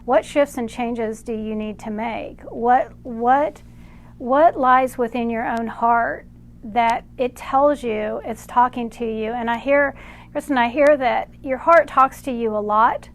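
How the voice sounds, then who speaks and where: A woman with a slightly high voice delivers channeled spiritual guidance. She talks slowly and deliberately, pausing between phrases. She refers to herself as "we" while she relays it. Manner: slow, measured, speaks as "we" for unseen guides.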